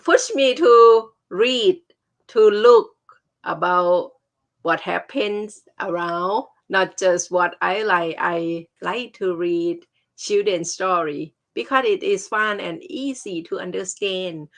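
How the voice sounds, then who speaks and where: A woman with a Thai accent, a non-native speaker whose first language is Thai, casually telling personal stories and often pausing to search for words. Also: on the low side. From Thailand.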